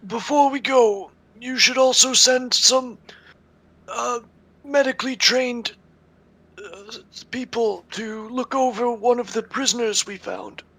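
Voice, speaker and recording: A player in a tabletop game, speaking deliberately while role-playing. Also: medium pitch, steady tone, pushed and bright, poor audio.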